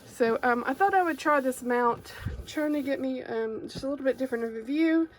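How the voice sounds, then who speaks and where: A woman's voice: sits high, brisk, slight background noise, rough recording. A woman with an Arkansas Southern accent chats casually and a little hesitantly as she hosts an unboxing video, recorded on an overhead phone. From Arkansas, United States. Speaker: craft creator, unboxing host. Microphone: phone mounted overhead on a clamp.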